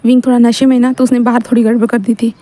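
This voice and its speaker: A woman's voice: fairly high pitch, flat delivery, rapid-fire, mellow. Chatty woman retelling a story. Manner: chatty, repetitive narration with many restarts. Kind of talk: casual retelling of a fan-fiction story, voicing the characters' lines.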